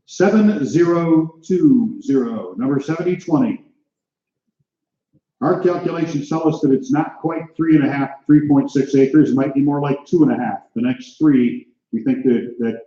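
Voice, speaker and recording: A man's voice: medium pitch, normal speed, dark tone. An American man working as an auctioneer, calling a live auction with clipped, climbing numbers and repeated calls to bidders. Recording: echoey room, slightly dull sound.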